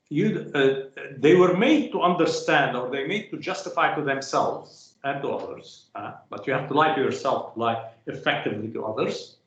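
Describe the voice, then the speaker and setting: Halting male lecturer in an echoey room. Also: a little high, lo-fi sound. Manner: halting, many filler sounds, rhetorical "huh?" checks. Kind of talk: academic lecture.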